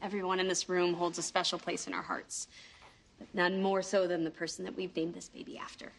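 A woman playing a warm new mother in a sitcom, speaking sincerely and deliberately with gentle teasing. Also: fairly low pitch, little pitch movement, creaky, a little hiss or hum, poor audio. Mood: heartfelt. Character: warm new mother naming her baby. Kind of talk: sitcom acting, heartfelt speech.

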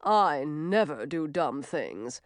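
A woman voicing a grumpy two-headed male troll who talks in sulky, slow lines, for an audiobook. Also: deep voice, big pitch swings, no echo, voice pushed down, exaggerated voice. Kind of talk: audiobook character voice.

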